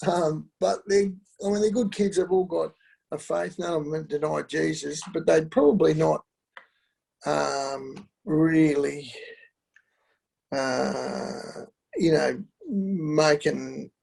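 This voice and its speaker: A middle-aged man speaks candidly about hard family years, stopping and restarting often with plenty of fillers. His voice is gravelly and husky, set a little higher than most men's. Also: fairly even intonation, a little mellow, rough recording. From Australia. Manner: halting, with many fillers and restarts. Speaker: interview guest. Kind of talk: candid personal storytelling.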